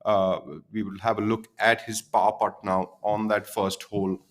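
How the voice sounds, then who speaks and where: A man giving live golf commentary in a measured, formal and polite way. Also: lowish voice, little pitch movement.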